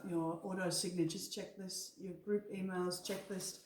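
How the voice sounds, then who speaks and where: A woman's voice: on the low side, fairly even intonation, normal speed, darkish tone, a little hiss or hum. A woman working as an assessor, giving a spoken briefing in a reassuring, encouraging manner. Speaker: assessor and trainer. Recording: echoey room, distant microphone.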